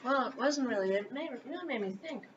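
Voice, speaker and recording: A woman's voice: high voice, lively intonation, quick pace. Woman in her thirties, distant hissy mic. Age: 30s. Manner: chiming in with short agreeing remarks. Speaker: co-host of a live vlog. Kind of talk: casual comedic chat. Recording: distant mic, dull lo-fi sound, clear hiss.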